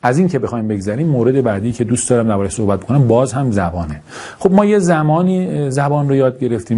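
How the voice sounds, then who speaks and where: A man introducing his online course in a slow, deliberate lecture. His voice is dark, mellow and a little husky. He does not articulate some sounds quite cleanly, and he keeps dropping informal, self-deprecating remarks. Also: mid-range voice. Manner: deliberately slow, careful speech.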